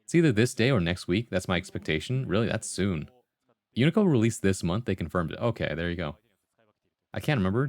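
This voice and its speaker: A man's voice: on the low side, no room sound. A man hosting a livestream, chatting casually with viewers and reading comments in a slangy, conversational way. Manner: slangy, conversational, full of "like" and "bro". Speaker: livestream host.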